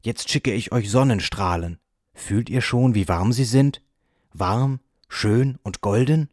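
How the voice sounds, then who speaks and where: A man reading a storybook aloud and voicing a calm, dreamy male field mouse poet who speaks gently and recites verse unhurriedly. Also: mid-range voice, slow pace, no room sound, clean studio sound. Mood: gentle.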